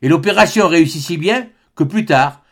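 A man narrating a classic adventure novel in a measured, expressive storytelling manner. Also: on the high side. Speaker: audiobook narrator. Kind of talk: scripted narration.

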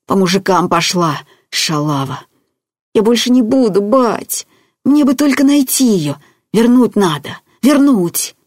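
A woman's voice: mid-range voice, animated, measured pace, a little mellow, no echo, studio quality, pitched above the performer's own voice. A woman voicing an unstable young village man who whines and babbles like a child. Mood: whining, agitated. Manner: whining, babbling, giggling.

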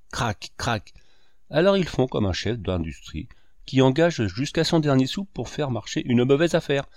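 A man reading an audiobook, voicing a boisterous, sarcastic old man who declaims and breaks into booming laughter. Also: dry recording, studio quality. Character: boisterous sarcastic old male painter, mocking.

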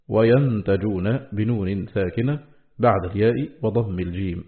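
A man reads a classical scholarly text aloud in a measured recitation, slowing down to spell out each quoted word. His voice is on the low side and creaky, with phone-quality sound.

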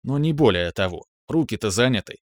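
Male audiobook narrator, wry first-person telling, mid pitch, dry close sound. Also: expressive, fairly quick, no echo.

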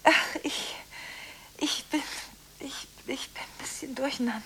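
The actress voices an agitated, scatterbrained woman for radio, stumbling over her words on the phone and alternating hushed tones with sudden shouts. Pitched fairly high and unhurried, the performance is only lightly acted, with a touch of background noise.

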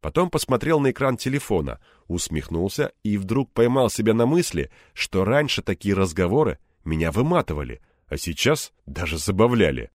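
A man's voice: lowish voice, very animated, normal speed, hardly any pauses, dry recording. A young man narrating an audiobook in first person, in a wry, dry-humored way.

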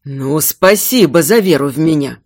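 A woman voicing a weary young male king, a besieged warrior who speaks low and tired. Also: animated, moderate pace, darkish tone. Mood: bitter.

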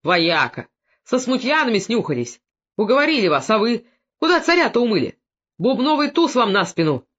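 A man's voice: high-pitched, big pitch swings, moderate pace, heavily acted. A man doing a drunk, scolding old Cossack. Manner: scolding, shouting. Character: drunk quarrelsome older male Cossack. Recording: dull lo-fi recording.

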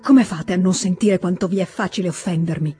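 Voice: medium pitch, brisk, warm tone, faint music behind, lightly acted. A reader voicing a distraught young aristocratic wife, pleading and agitated, in an audiobook reading. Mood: bitter, pleading.

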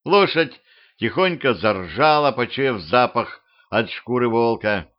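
A man narrating a humorous homemade audiobook in a lively, expressive way. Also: medium pitch, takes it slowly. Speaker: audiobook reader. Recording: dull lo-fi home recording.

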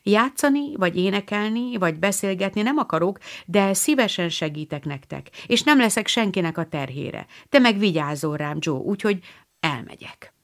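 Brief: a woman playing a shy, gentle girl in a storybook, soft and timid. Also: mid-range voice, lively intonation, close to an everyday voice.

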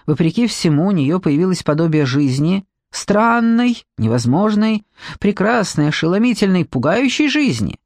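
A man's voice: high voice, big pitch swings, normal speed, dry recording, studio quality. A man voicing an eccentric, brusque male paranormal detective in an audiobook, lecturing and dryly sarcastic. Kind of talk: audiobook character reading.

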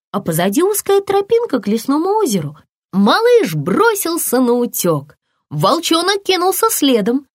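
A woman narrating a children's audiobook with a fairly high voice that rises and falls freely. She tells the story expressively, and the recording is close and dry, with no room sound. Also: breathy edge, no room sound. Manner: expressive storytelling with lively pitch.

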